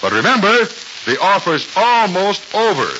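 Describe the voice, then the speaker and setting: A male radio announcer, heard on an old radio broadcast recording, eagerly pitching to children in 1940s style. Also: sing-song, moderate pace, pushed and bright, muffled recording, slight background noise.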